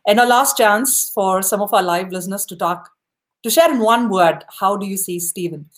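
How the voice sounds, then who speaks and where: This live-podcast host is a woman whose medium-pitched voice moves at a moderate pace. Her casual interview with the guest is upbeat and supportive, sprinkled with plenty of "you know."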